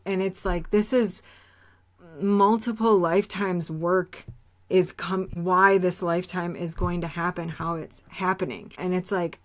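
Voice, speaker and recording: Woman podcast host just rambling, kinda low voice, blunt and swears a lot. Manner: candid, blunt, swears freely; rambling, with many fillers and restarts. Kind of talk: casual spiritual monologue.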